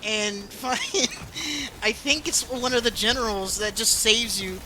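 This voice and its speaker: A woman's voice: a little high, measured pace. A woman in a casual online voice chat who laughs, exclaims and swears as she talks. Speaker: gaming chat participant. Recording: noisy voice chat line.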